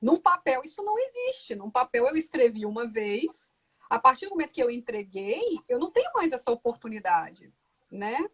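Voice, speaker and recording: A woman who is a law professor and lawyer, answering interview questions in a measured, reflective way and often ending phrases with "né?". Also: fairly high pitch, very animated, a bit bright, slightly rough.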